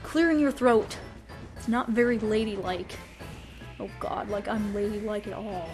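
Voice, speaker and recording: A woman's voice: medium pitch, unhurried. A young adult woman giving rambling, candid let's play commentary, swearing freely as she plays. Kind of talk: casual gameplay commentary. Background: faint video game music.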